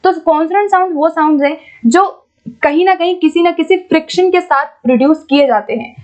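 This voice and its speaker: High-voiced woman teaching. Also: a little mellow, muffled recording. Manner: explains patiently, repeats points, keeps checking with "ठीक है"; reads English questions out slowly. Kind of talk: exam-prep lesson.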